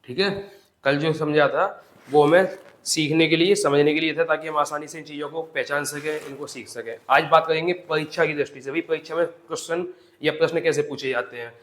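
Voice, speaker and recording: A man teaching a Hindi grammar lesson for exam preparation, explaining step by step, repeating definitions, asking the class rhetorical questions and drawing out example words slowly. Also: fairly high pitch, steady tone, fairly bright tone. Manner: addresses students as "bhai". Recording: echoey classroom sound.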